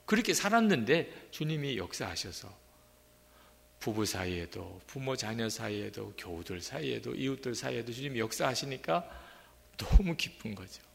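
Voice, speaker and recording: A man's voice: mid-range voice, lively intonation, normal speed, creaky, big-room sound. A middle-aged male pastor preaching a sermon, speaking conversationally and asking his congregation rhetorical questions.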